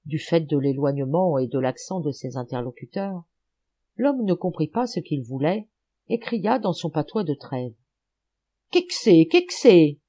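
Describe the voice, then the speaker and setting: A woman reading a folk tale aloud as an audiobook narrator, in an animated, expressive manner. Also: sits low, moderate pace, husky. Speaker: audiobook reader. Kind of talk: storybook narration.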